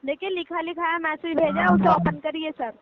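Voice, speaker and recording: A woman's voice: very high voice, steady tone, a little fast, crowd noise. A woman working as a customer care agent speaks in a polite customer service voice, patiently giving instructions and often saying sir, over a phone call. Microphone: telephone call. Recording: narrow tinny phone line, faint noise.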